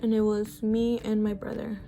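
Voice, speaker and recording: This beauty vlogger in her twenties, Mexican-born and US-raised, talks through a casual get-ready-with-me session with plenty of swearing and frequent sighs. Her medium-pitched voice is gravelly and warm, delivered completely flat at a normal speed.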